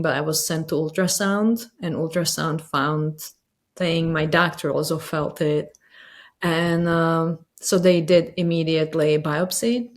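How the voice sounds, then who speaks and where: A woman in her thirties from the Czech Republic with a Czech accent, telling her story slowly with many pauses and fillers. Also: fairly low pitch. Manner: hesitant, many fillers, reflective. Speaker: patient sharing her story. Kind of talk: personal testimony interview.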